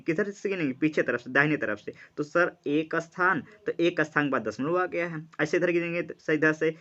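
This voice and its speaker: A man teaching a basic math lesson to students, asking questions and answering them himself, and slowing down to read numbers out digit by digit. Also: on the high side, sharp tone, dull audio. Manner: asks questions and answers them himself, repeats key words. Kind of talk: classroom-style math lesson.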